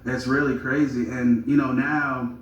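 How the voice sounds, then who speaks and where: Excitable young man, echoey lo-fi sound. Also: mid-range voice, a little slow. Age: 20s. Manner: excitable, rambling, slangy. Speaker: interviewer. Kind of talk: casual interview chat. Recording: echoey room, distant dull mic.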